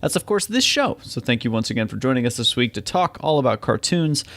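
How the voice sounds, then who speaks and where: A man's voice: mid-range voice, sing-song, fairly quick, fairly bright tone. A man hosting a podcast in a casual, conversational style. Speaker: podcast host. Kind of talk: casual chat.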